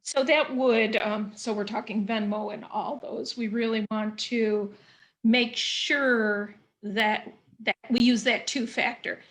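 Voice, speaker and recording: Female talk host, slightly high-pitched, chatty and easygoing. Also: fairly even intonation, takes it slowly, fairly bright tone. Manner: chatty, reads viewer comments aloud. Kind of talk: casual interview chat.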